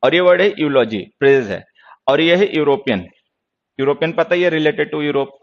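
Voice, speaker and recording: A man's voice: on the high side, normal speed, dull audio. A man teaching English grammar in Hindi during an online class, lecturing sternly and answering viewers' questions.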